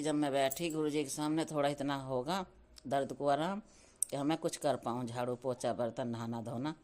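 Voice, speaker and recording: Low-voiced woman giving devotional testimony. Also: a little mellow. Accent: Hindi with Punjabi-flavoured devotional terms. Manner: addresses listeners repeatedly, chanting thanks.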